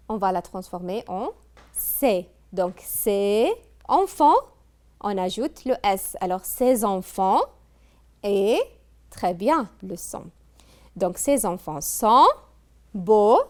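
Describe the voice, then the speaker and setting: A woman teaching a French grammar lesson, posing questions to her class and praising their answers. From Kuwait. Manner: slow, drawn-out teacher talk with lively pitch, prompting students.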